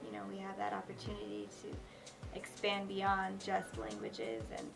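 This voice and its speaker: A young woman from Minnesota, a college senior speaking in a relaxed documentary interview. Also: medium pitch, normal speed, creaky, music in the background, rough recording. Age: young adult. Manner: relaxed, many fillers. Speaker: student.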